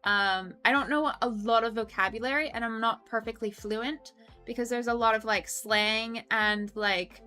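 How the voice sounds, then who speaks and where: At her desk mic, a young streamer running a coworking stream reads through viewer comments in relaxed chatter, her voice a little high, bright and clear. The tone stays steady and the pace moderate, though she laughs a lot and keeps stumbling into ums and restarts, all over faint background music.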